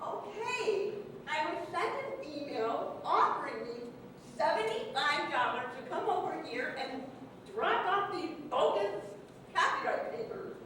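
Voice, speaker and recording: A woman's voice: very high voice, big pitch swings, unhurried, fairly bright tone, slight background noise, exaggerated voice. A woman playing a hesitant, flustered fake copyright agent in a stage play. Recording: echoey stage hall from far off, faint ambience.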